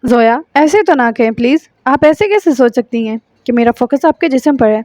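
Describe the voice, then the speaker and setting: A woman's voice: high voice, darkish tone, no echo, close to an everyday voice. A woman reading a novel aloud, voicing a young man who pleads earnestly and then turns curt. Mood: pleading.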